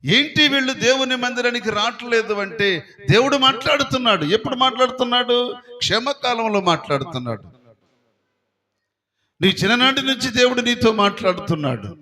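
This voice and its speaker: A man's voice: extremely high pitch, animated, normal speed, sharp tone. A male pastor preaching a sermon, repeatedly putting questions to his congregation.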